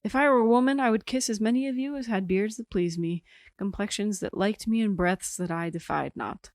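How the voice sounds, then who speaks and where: A woman's voice: medium pitch, brisk, darkish tone, no room sound, lightly acted. Give me a woman playing a playful young woman speaking a Shakespeare epilogue, dry and close. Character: witty young woman delivering a play's epilogue. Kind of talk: Shakespeare recitation.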